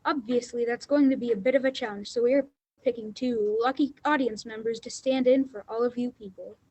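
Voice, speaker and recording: A woman playing a brisk, bossy narrator who hosts a comic storybook stage show. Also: on the high side, fairly even intonation, darkish tone, no echo, close to an everyday voice, poor audio.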